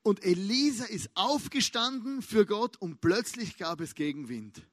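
A lively male preacher tells a story in a relaxed, colloquial sermon, acting out its people and checking in with "oder?". His voice sits high for a man and the sound is close and dry, with no room in it. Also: unhurried, no echo. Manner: animated and colloquial, acts out quotes, asks "oder?" often.

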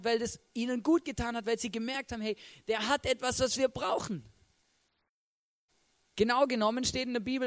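A man preaching a sermon to a church, talking animatedly and peppering his sentences with "hey" and "oder?". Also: very high voice. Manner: acts out characters' reactions in a raised voice.

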